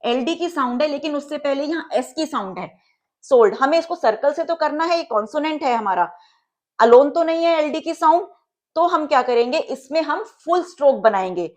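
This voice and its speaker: Higher-voiced woman teaching a lesson. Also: animated, a little mellow. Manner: patient, explains slowly, checks if students follow. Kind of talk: step-by-step classroom lesson.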